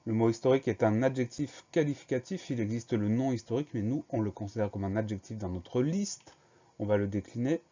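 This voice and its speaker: A man's voice: on the low side, warm tone, highs cut off. A man teaching a spelling dictation lesson, patiently spelling each word out letter by letter.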